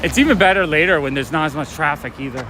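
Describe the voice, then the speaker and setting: A man's voice: on the high side, quick pace, bright, forceful tone. Chatty man walking city streets at night. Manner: chatty, storytelling, talking to live chat. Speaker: vlogger and comic shop owner. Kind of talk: casual chat while walking. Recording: light street noise, traffic.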